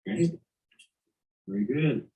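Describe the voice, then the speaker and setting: Man moderator, brief casual cues, mid-pitched voice, dull distant recording. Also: lively intonation, unhurried. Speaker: competition moderator. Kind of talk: announcing scores.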